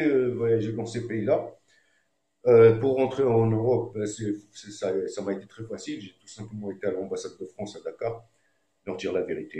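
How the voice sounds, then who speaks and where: A man's voice: fairly low pitch, a little mellow, roomy sound. A man who is a reggae singer and comedian, telling a story in a laid-back, slangy way with frequent fillers. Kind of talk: casual storytelling.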